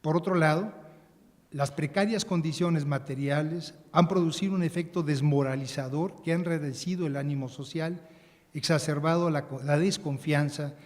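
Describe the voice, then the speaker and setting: A man giving a measured, formal prepared speech as a panelist, with occasional restarts. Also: on the high side, darkish tone. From Mexico. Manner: measured, reading a prepared text, some restarts. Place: large conference hall. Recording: conference hall with long reverb.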